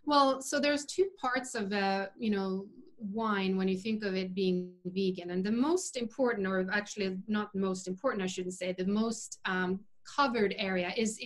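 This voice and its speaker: A woman's voice: mid-range voice, normal speed, hardly any pauses. A woman talking as an interview guest over a video call, earnest and opinionated, with frequent fillers as she explains things. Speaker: interview guest, vegan chef. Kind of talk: casual conversational interview.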